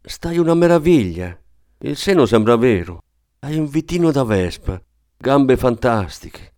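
A man's voice: mid-range voice, very animated, a little slow, a little mellow, no room sound, studio quality, voice pushed up. A man reading an audiobook, voicing a domineering older sister with a raised, commanding voice. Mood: bossy.

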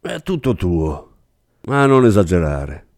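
A man playing an older male smuggler who speaks in a cold, flat tone, in an audiobook reading. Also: on the low side, moderate pace, no echo, clean studio sound.

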